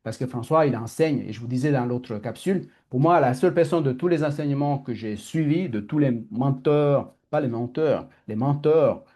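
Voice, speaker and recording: A man with an Italian accent telling a personal story as a teacher, talking fast, rambling and correcting himself often. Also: mid-range voice, warm tone. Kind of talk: candid storytelling talk.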